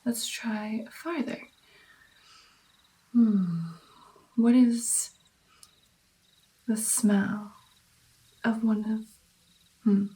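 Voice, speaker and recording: A woman playing a gentle vampire mentor in an ASMR roleplay, soft, breathy and mostly whispered, coaxing and encouraging her pupil with pauses. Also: on the high side, flat delivery, poor audio. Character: gentle female vampire patiently training her new darkling. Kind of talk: ASMR personal attention roleplay.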